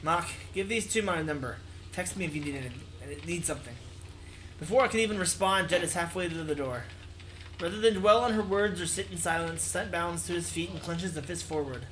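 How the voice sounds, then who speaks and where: A man reads a visual novel aloud for a let's play and offers casual commentary, his voice a little high and his pace fairly quick. Background music and background noise can be heard.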